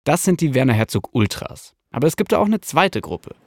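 A man's voice: medium pitch, very animated, a little fast, dry recording, studio quality. A man hosting a podcast, delivering scripted narration with casual asides and informal slang peppered with English loanwords. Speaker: podcast host, journalist.

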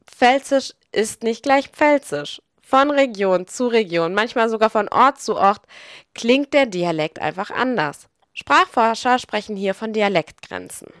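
A woman with a Palatinate German accent, from the Palatinate, giving a scripted explainer narration with a lively presenter delivery. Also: on the high side, no room sound, clean studio sound.

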